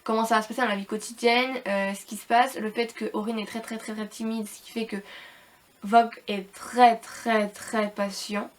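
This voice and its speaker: A woman's voice: on the high side, level tone, normal speed, a little hiss or hum. A woman giving a casual, rambling book review to viewers, hesitant and repetitive, with informal slangy wording and slightly robotic, unclear speech because she is ill. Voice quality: slightly robotic, hard-to-understand speech from illness.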